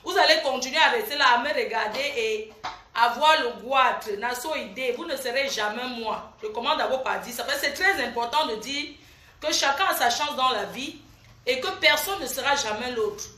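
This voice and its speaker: Brief: older woman live streamer, defiant and lecturing, a touch high-pitched, in an echoey room. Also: moderate pace, sharp tone. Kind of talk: casual Facebook live. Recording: echoey room with faint noise.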